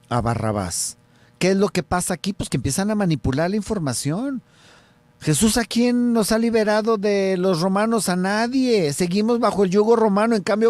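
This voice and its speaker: A man speaking Spanish with a Mexican accent, on a radio show where he talks about medicine. He tells the story with lively energy and acts out the lines of the people in it. His voice sits a bit high, recorded dry and close in a studio. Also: no echo. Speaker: radio show host, surgeon.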